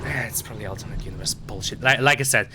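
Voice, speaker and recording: A man's voice: fairly low pitch, fast talker, bright, forceful tone, a little hiss or hum. A young man streaming a video game, rambling in casual commentary with sarcasm, frequent swearing and stammered restarts.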